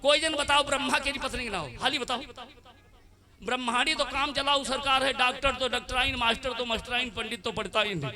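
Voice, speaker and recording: A man's voice: very high voice, brisk, crowd noise. A man preaching a devotional story, acting out characters and quizzing his listeners. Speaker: Bhagavat katha preacher. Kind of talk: live devotional discourse with chanting. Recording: live event with music behind. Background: music.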